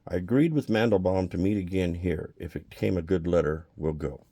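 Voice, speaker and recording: A man's voice: deep voice, a little fast, mellow, no echo. A man reading a graphic novel aloud, telling it in an old man's broken English. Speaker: reader.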